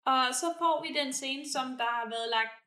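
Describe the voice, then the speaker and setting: Bright-voiced woman recapping in an echoey room. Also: high-pitched. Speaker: podcast co-host. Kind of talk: casual recap chat. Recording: roomy echo.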